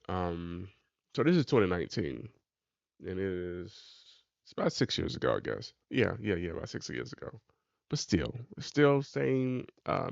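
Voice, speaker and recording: A man's voice: lowish voice, vocal fry, darkish tone, dry recording, muffled recording. A man giving casual, colloquial reaction commentary in an exasperated, preachy way.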